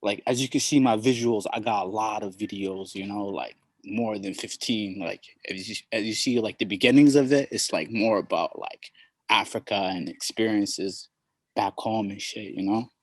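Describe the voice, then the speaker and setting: A young man from Somalia, a hip hop artist, speaking in a laid-back, halting way full of fillers. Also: lowish voice, no echo. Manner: laid-back, halting, constant "you know". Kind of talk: casual interview.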